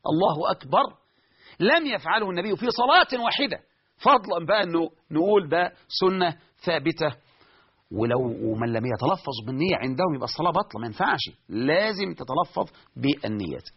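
A man preaching in an Egyptian Arabic accent, his husky voice rising and falling in wide swings. He talks fast and quizzes his listeners, then answers each question himself. The recording is muffled and lo-fi. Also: fairly high pitch. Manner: lively, asks the audience questions and answers them. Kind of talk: religious lesson.

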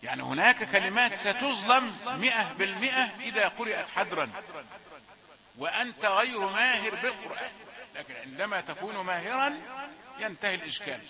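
High-voiced Egyptian man drilling recitation. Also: lively intonation. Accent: Egyptian Arabic. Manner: repeats and drills single words to demonstrate pronunciation; chants verses slowly in a melodic recitation. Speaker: Quran recitation teacher. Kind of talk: recitation lesson with spoken explanation. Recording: tinny phone-like sound with a crowd audible behind.

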